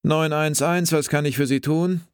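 A man's voice: a little high, steady tone, moderate pace, clear, resonant tone, no room sound, clean studio sound, voice pushed up, close to an everyday voice. A man voicing a brusque adult female emergency dispatcher in a story reading. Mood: brisk. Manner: brusque, then softer.

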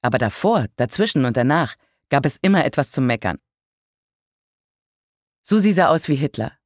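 A narrator reading a first-person book aloud in a calm, measured way with dry humor. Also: mid-range voice, dry recording. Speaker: audiobook narrator. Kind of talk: scripted audiobook narration.

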